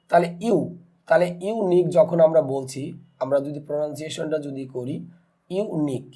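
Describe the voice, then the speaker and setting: A man teaching an English grammar lesson in Bengali-accented speech, asking questions and answering them himself, and slowly pronouncing example words. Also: fairly high pitch, mellow. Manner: slow deliberate spelling and pronouncing of words.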